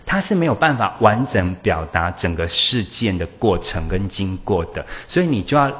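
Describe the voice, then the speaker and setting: Guy preaching to a church, kinda low voice, swings up and down a lot, does little voices. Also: moderate pace. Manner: animated, acts out quoted voices, laughs often. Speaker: church teacher on pastoral care. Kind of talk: lively sermon talk.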